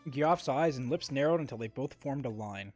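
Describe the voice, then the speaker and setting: A man's voice: mid-range voice, lively intonation, normal speed, darkish tone, soft background music. A man narrating a visual novel on a live stream, reading the text with wry asides of his own.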